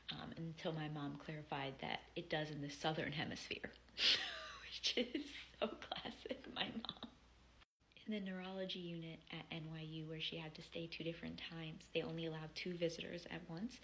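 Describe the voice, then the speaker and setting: Woman vlogger, low-pitched with vocal fry, wry deadpan storytelling that slips into breathy near-whispers. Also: a little hiss or hum. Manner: wry, darkly funny, often dropping to a breathy near-whisper. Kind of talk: casual personal storytelling to camera.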